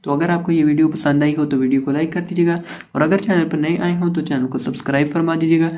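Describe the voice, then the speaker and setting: A man teaching Quran reading. He spells out each letter, draws syllables out slowly, and explains patiently with lots of repetition. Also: on the high side, fairly even intonation, darkish tone, lo-fi sound, slight background noise. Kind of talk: step-by-step recitation lesson.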